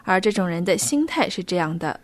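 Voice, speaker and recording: Measured female radio co-host, dry studio. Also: lowish voice, animated, no room sound.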